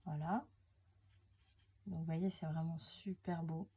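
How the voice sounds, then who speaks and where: A woman chatting casually to camera while unboxing craft papers, hesitant, full of fillers and self-corrections, sometimes dropping to a soft near-whisper. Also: sits low, fairly even intonation, takes it slowly, slightly rough. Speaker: scrapbooking crafter presenting her channel.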